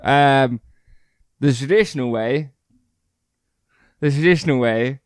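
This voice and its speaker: A man's voice: medium pitch, takes it slowly, clear, resonant tone, dry recording, studio quality. A young man co-hosting a podcast, drunk, rambling and joking with a laugh. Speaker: podcast co-host. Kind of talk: drunk casual chat.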